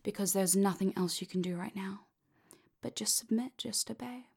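A woman talking in a soft, slow, commanding whisper as she guides a listener through a hypnosis roleplay. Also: mid-range voice, creaky, slightly rough. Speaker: hypnosis audio creator.

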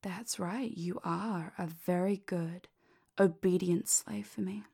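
A woman talking in a soft, slow, commanding whisper as she guides a listener through a hypnosis roleplay. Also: on the low side, steady tone, vocal fry, slightly rough. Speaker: hypnosis audio creator.

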